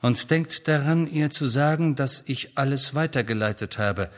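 A man reading an audiobook, voicing a rebellious grown wizard who speaks in a low, earnest, conspiratorial manner. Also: moderate pace, big-room sound, lightly acted.

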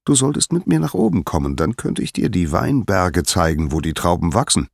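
A man's voice: low-pitched, big pitch swings, brisk, vocal fry, no echo, clean studio sound, full character voice. A man voicing a jovial, sly male god of wine who talks in a cheerful, coaxing way in a storybook reading. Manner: cheerful, coaxing, mock-indignant.

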